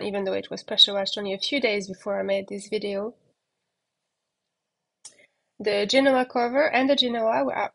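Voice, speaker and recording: A woman giving a relaxed, chatty walking tour of a catamaran, talking outdoors on deck into a handheld phone camera, with plenty of fillers. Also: a little high. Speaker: yacht broker giving a boat tour.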